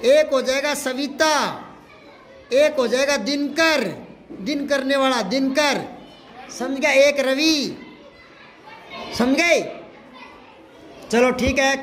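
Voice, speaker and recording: High-voiced, slow teacher. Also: male voice, fairly even intonation, a bit bright. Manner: drills answers, repeating words and asking the class. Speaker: Hindi teacher. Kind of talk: classroom grammar lesson. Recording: faint crowd and room noise.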